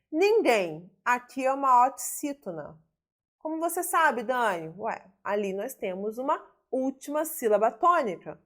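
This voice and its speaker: A woman with a Brazilian accent leads a grammar lesson, working through exam questions out loud. Her voice sits a little high. She stretches each word slowly, then rattles off a quick clipped verdict. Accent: Brazilian Portuguese. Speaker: teacher.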